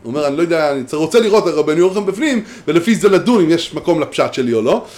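Animated man teaching Talmudic law. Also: a little high. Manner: animated, chanting quoted texts. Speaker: Torah teacher. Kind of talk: Talmudic lecture.

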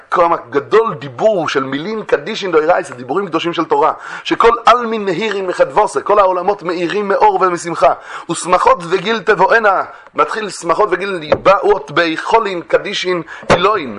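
A man with a slightly high-pitched voice delivers a religious lecture. He reads passages from old sources, then explains them in everyday terms. His delivery shifts from emphatic, lifted lines to hushed, lower asides. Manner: reads aloud from classic texts, then explains them in plain words; lively, swings between raised emphatic phrases and quiet low asides. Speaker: Torah teacher.

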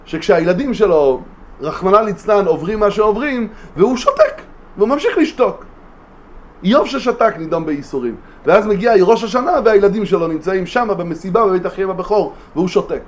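Guy teaching a torah class, fairly high voice, gets worked up asking questions, lots of restarts. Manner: animated, rising to emphatic rhetorical questions, with hesitant restarts. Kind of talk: religious study lesson.

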